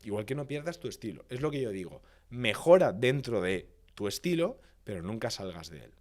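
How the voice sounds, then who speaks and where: Very animated and a little fast, the Valencian man has a mid-range voice with a darkish tone. Interviewed on a podcast as a public speaking expert, he teaches emphatically, enumerating points and echoing phrases to build rhythm.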